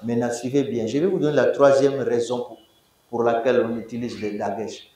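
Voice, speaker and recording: A man's voice: mid-range voice, fairly even intonation, brisk, warm tone. A man lecturing at university, emphatic, repeating words and quizzing his students. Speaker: Hebrew teacher. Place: large echoey classroom. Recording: echoey room, distant mic.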